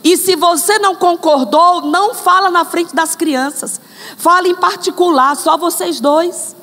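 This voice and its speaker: A woman's voice: very high-pitched, unhurried, pushed and bright, long reverb tail. A woman preaching a sermon, speaking straight to the congregation and acting out examples. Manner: addresses the congregation directly, acts out examples.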